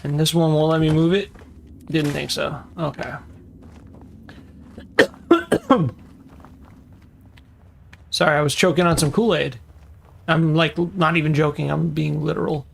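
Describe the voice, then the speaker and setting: A man giving casual commentary while playing a game, muttering to himself with frustrated asides and quick self-corrections. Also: fairly high pitch, little pitch movement, vocal fry, slight background noise. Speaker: gaming video creator.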